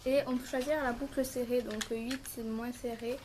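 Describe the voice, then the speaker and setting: High-voiced chatty girl, noisy recording. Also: fairly even intonation, moderate pace. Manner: chatty, filler-heavy, rambling asides. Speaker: beauty vlogger. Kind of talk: casual hair tutorial and product review. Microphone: built-in camera mic.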